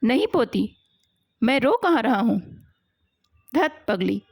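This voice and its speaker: A soft, tender old grandfather from a spoken storybook, as a woman reads him. He coaxes slowly and kindly, with a fairly high voice in a dry, close sound. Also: big pitch swings, vocal fry, slightly rough, no echo, heavily acted. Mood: gentle. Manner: gentle, coaxing. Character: elderly grandfather, tender and soothing.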